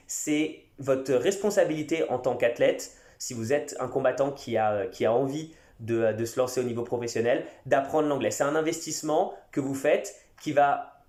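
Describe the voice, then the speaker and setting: Male podcast host, mid pitch, casual and halting, roomy echo. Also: a little mellow. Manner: conversational, many fillers and restarts. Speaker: podcast host and English teacher. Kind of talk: casual solo podcast talk.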